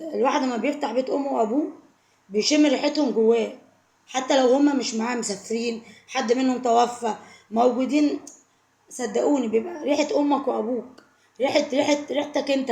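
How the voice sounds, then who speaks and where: A woman's voice: on the high side, gravelly, darkish tone, reverberant. A woman with an Egyptian Arabic accent giving heartfelt, emotional advice to camera, pleading and repeating herself for emphasis. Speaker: vlogger.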